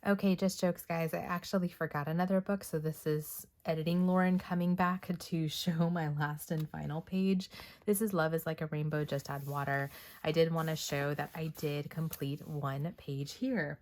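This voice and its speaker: A woman's voice: low-pitched, fairly even intonation, normal speed, darkish tone. A woman with a Texas accent chatting casually about her coloring pages, rambling with lots of ums and coughing now and then while she recovers from being sick. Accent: Texan. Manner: rambling, filler-heavy with frequent ums. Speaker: coloring book vlogger. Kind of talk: casual show-and-tell chat.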